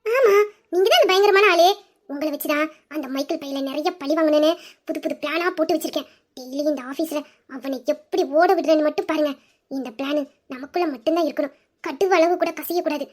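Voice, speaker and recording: A mischievous young wife in an audio drama, played by a woman, chatty and boastful. Her voice sits very high, and she rattles along quickly. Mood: scheming. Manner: chatty and boastful, dropping to a hushed scheming tone. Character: playful, mischievous young wife named Ruby. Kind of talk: Tamil audio drama acting.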